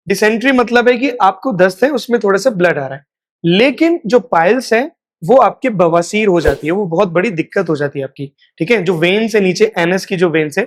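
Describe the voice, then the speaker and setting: A man teaching in Hindi. He explains each point and then repeats the phrases slowly for drilling. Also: sits high. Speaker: English teacher. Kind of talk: classroom lesson.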